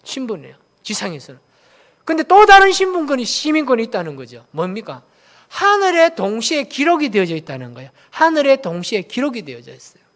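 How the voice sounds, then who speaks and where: A man's voice: very high voice, huge pitch swings, brisk, a bit bright. A man from Daegu, South Korea, preaching a sermon as a pastor, asking the congregation questions and having them repeat phrases after him.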